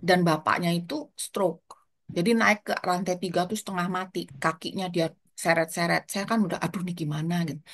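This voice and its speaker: An older woman with a Jakarta colloquial accent, telling lively stories as she gives parenting advice. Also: lowish voice, a little fast. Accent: Jakarta colloquial Indonesian. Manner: lively storytelling with quoted asides. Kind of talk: casual advice chat.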